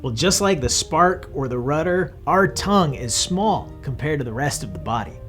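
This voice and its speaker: A man hosts a children's church lesson in a slightly high voice. He explains things to kids in a friendly way. Faint music sits behind him. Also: expressive, normal speed, fairly bright tone. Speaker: host.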